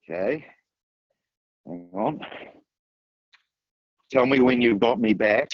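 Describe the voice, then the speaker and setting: A man guiding a live walking tour outdoors over a video call, his audio choppy and cutting in and out, talking haltingly with fillers. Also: lively intonation, dry recording. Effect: choppy connection cutting in and out. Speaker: tour guide. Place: outdoors at an archaeological site. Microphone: phone camera held while walking. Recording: muffled low-bandwidth mobile stream.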